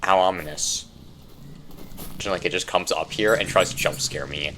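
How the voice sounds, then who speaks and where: A young man giving rambling casual commentary while playing a game, breaking into loud frustrated outbursts. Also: low-pitched, moderate pace, slight background noise. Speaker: gamer.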